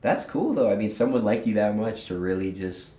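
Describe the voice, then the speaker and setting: A man's voice: lowish voice, lively intonation, brisk, mellow, reverberant. A young man hosting a podcast, talking bluntly and loosely in casual chat, swearing now and then. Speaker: podcast host.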